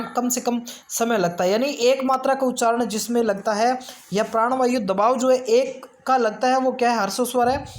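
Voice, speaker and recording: A woman teaching an exam-prep grammar lesson, explaining step by step and asking and answering her own questions. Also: a little high. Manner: draws out vowel sounds slowly to demonstrate; frequent check-ins of "theek hai".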